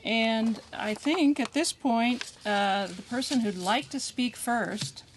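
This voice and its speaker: A woman's voice: a little high, takes it slowly. A woman introducing guests at an outdoor dedication ceremony, speaking casually with fillers. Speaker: board member emceeing a dedication ceremony. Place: outdoor county park. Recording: noisy outdoor recording.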